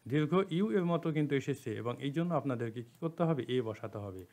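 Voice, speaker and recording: A man's voice: medium pitch, animated, fast, mellow. A man teaching a grammar lesson, explaining patiently step by step, repeating key phrases and asking the class rhetorical questions.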